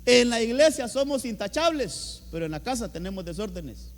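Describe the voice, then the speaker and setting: High-voiced preaching man, Honduran accent, echoing hall. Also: sing-song, normal speed. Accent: Honduran Spanish. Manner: emphatic, repeats words, often says "hermano". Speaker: pastor. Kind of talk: sermon. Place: church hall. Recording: church hall with long reverb.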